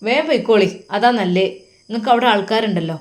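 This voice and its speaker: A woman's voice: mid-range voice, fast, natural voice. A woman playing a bossy, proud older mother-in-law with a Malappuram Malayalam lilt. She talks down to everyone with scorn, told as a spoken storybook. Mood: scornful. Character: arrogant, harsh older mother-in-law with a broken leg.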